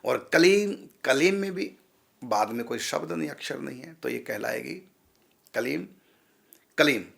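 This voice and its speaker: A man's voice: medium pitch, animated, normal speed, vocal fry, fairly bright tone. A man, a spiritual teacher, patiently explaining how to pronounce mantra syllables and repeating sounds to drill them.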